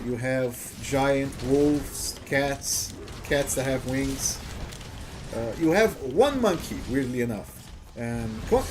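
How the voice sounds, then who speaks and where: While playing a game on a live stream, a man from Brazil rambles and chuckles, often saying "uh" and restarting his sentences. Portuguese is his first language. His voice is mid-range, with background noise behind it.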